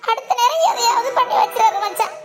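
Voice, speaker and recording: A woman doing a high tearful young village wife. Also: lively intonation, fast talker, heavy background noise. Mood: exasperated. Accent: southern Tamil Nadu village Tamil. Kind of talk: cartoon voice acting.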